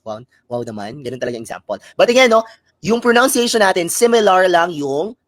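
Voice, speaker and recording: Filipino reviewer lecturing, switches between filipino and english, keeps tagging "no?", mid pitch, dry close sound. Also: very animated, fairly bright tone, dry recording. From Philippines. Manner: mixes Filipino and English, tags sentences with "no?"; explains terms slowly with examples. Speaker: licensure exam reviewer. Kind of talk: live-streamed review lecture.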